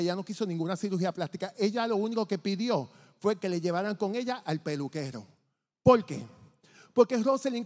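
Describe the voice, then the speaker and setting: In a church sanctuary, a high-voiced man gives his testimony from the pulpit, telling his story with animation and acting out the dialogue. The recording carries a long church reverb.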